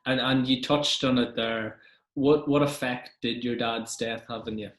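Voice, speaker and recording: A man interviewing a guest, asking short, gentle questions. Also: mid-range voice, fairly even intonation, measured pace. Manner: brief, gentle questions and listening sounds.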